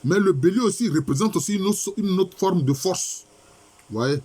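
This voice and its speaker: Reading Egyptian texts aloud and commenting on them, this professor often asks questions and answers them himself. He has a high, a little mellow voice with lively intonation, and he speaks at a normal speed.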